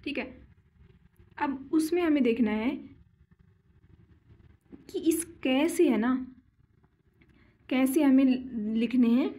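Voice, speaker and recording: A woman teaching a geography lesson, slowly repeating key names and quizzing her students with questions as she draws on a board. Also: sits high, dark tone. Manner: slow and deliberate, drawing on a board while explaining.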